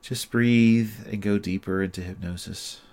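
Deep voiced guy doing sleep hypnosis, slow soothing repeats, pretty monotone.

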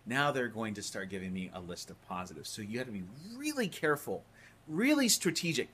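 Man, hypnotist, course lecture, conversational, emphatic, mid-pitched voice. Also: big pitch swings, a little fast, fairly bright tone, slight background noise. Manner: conversational, emphatic, repeats words.

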